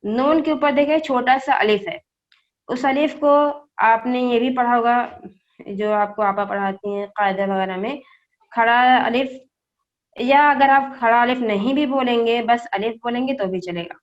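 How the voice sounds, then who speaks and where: Woman teaching Quran letter by letter. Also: on the high side. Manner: spells words out letter by letter, slow and drawn out; asks questions and answers them herself. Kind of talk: online class teaching Quran reading. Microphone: online call microphone. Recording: dull lo-fi video call audio.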